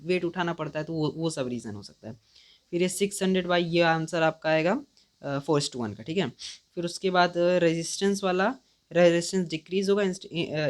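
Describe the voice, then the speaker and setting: Hesitant teenage boy explaining answers. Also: high-pitched. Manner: thinking aloud, hesitant, many fillers and self-corrections. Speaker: student reviewing an exam paper. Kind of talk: casual walkthrough of exam answers.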